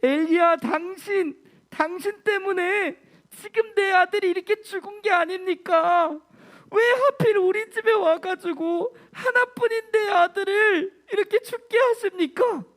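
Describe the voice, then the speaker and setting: A distraught widow mother, her voice pitched high and loud as she sobs out her blame, played by a woman telling a children's Bible story. She pleads and accuses through tears, in a storytelling style for a children's church class. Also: unhurried. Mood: tearful accusing. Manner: crying, pleading and blaming.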